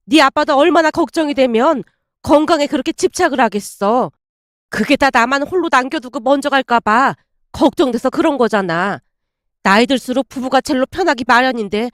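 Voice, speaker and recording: A woman's voice: high voice, dry recording, clean studio sound. A woman voicing an anxious middle-aged mother who frets and scolds. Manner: fretful and scolding.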